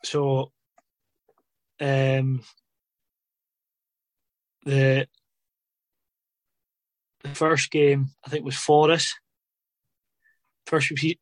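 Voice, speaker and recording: A man's voice: medium pitch, dry recording. A man telling stories in an interview about his days as a footballer, rambling casually with lots of fillers like "obviously" and "you know". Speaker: former footballer guest.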